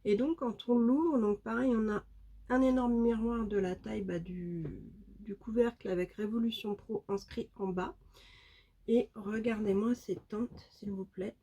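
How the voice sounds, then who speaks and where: Woman, beauty vlogger, casual chat, enthusiastic, breathy tone. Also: fairly high pitch, steady tone, measured pace, dark tone. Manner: chatty and enthusiastic, with many fillers. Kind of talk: casual makeup vlog chat.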